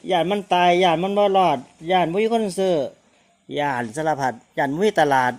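A man's voice: high voice, a little fast. A man with a northeastern Thai Isan accent selling his farm stock in a casual live chat, repeating prices and replies for viewers. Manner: repeats prices and the other speaker's words for viewers.

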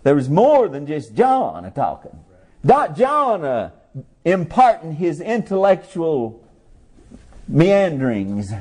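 A middle-aged man preaching a folksy sermon in plain-spoken rural phrasing, now and then rising to loud cries on key words. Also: on the high side, wildly swooping pitch, slow pace.

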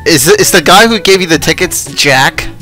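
A man hosting and chatting excitedly while recording a game with friends. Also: fairly high pitch, faint music behind. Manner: excitable, quick bursts of shouting. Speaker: channel host.

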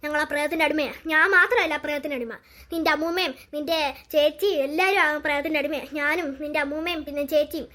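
A woman's voice: sits high, fairly even intonation, quick pace, pushed and bright, voice pushed down. A young woman voicing a taunting possessed older brother who snatches chocolate. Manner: taunting, greedy.

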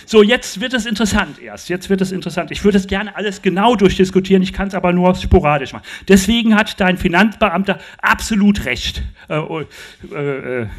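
An older man giving an emphatic public talk on a festival tent stage with a handheld mic, often asking the audience rhetorical questions. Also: sits high. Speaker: lecturer.

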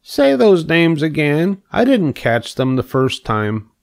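A man voicing an eager, boastful young male pig in a storybook read-aloud, with excited exclamations. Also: on the high side, takes it slowly, vocal fry, pitched above the performer's own voice, exaggerated voice.

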